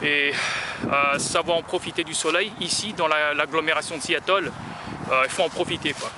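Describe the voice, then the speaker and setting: A man's voice: on the high side, normal speed. A man from France vlogging as he walks outdoors, talking in a rambling, hesitant way full of filler sounds. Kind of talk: casual walking monologue. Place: outdoors in a town, walking in the sun. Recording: noisy outdoor street recording.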